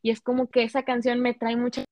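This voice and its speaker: A young woman speaks in a fairly high voice, telling a personal story with deep feeling. Her talk is loose and casual, packed with fillers. The recording is dry, with no room echo. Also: completely flat delivery, quick pace, darkish tone. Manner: emotional, heartfelt storytelling with many fillers. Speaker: guest sharing a testimony. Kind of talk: casual conversation.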